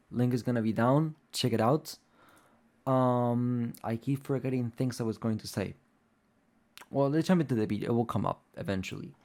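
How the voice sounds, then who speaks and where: Talking through a production tutorial, this young Spanish-speaking man keeps things casual and loose, leaning heavily on "like" and "um." His voice sits mid-range and sounds a little mellow.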